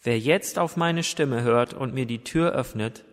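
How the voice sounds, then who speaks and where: A man voicing Jesus as a gentle grown man who asks soft, pleading questions. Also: mid-range voice, a little slow, close to an everyday voice. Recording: long hall reverb.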